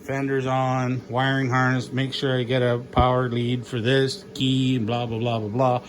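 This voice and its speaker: This mechanic vlogger, a man with a medium-pitched, level voice, talks a little slowly in a casual workshop vlog about his engine work. He rambles, jokes and swears casually as he goes, and there's a little hiss or hum on the recording.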